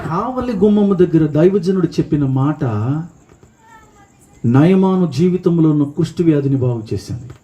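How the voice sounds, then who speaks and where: High-voiced lively Telugu preacher man. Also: moderate pace. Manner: acts out the story's speakers, calls for loud hallelujahs. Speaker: pastor. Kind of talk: lively sermon with storytelling. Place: church service.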